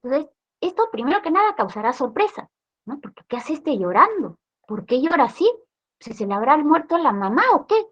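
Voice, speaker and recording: A woman's voice: high-pitched, sing-song, moderate pace, lo-fi sound. A woman with a Peruvian accent teaching a training session for police, explaining step by step and often checking in with her listeners. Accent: Peruvian Spanish. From Peru. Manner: tag questions, explanatory. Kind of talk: training lecture.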